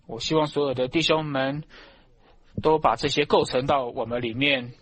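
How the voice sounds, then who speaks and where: A man preaching a fervent sermon to a congregation, emphatic, and at times rising into loud shouts of praise. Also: mid-range voice, steady tone, moderate pace, no echo.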